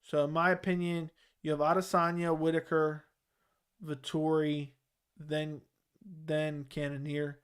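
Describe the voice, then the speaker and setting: Speaking unhurriedly in a smooth, level voice on the high side, a young Baltimore-area man runs a live chat show. He takes viewer comments in a loose, rambling style, with filler words and restarts, and his accent is clearly Baltimore.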